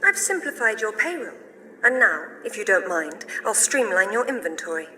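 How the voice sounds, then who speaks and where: Lara Croft, a cool witty English adventurer. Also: female voice, medium pitch, big pitch swings, moderate pace, bright, forceful tone, a little hiss or hum. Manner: dry, cool, teasing wit. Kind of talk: video game cutscene acting. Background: game music.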